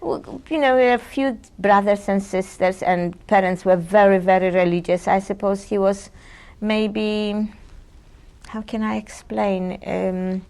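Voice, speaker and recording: This oral history testimony, taped in a 1980s cassette interview, features a Polish-born woman in her sixties. She has a gravelly, mid-range voice that is a little mellow, with a steady tone. Her speech is hesitant and searching, filled with ums and restarts.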